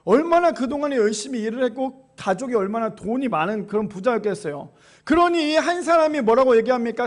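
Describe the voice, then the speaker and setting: A man preaching a Sunday sermon as pastor, telling stories and putting questions to the congregation. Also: very high voice. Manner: storytelling, asks the congregation questions and answers them. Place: church sanctuary.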